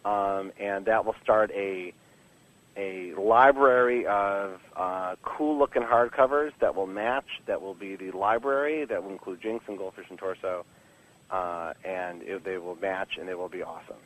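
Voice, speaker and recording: In a podcast interview, a male comic book writer speaks in a low-pitched voice at a measured pace. He's candid and relaxed, rambling through many false starts and cracking jokes, over a rough recording.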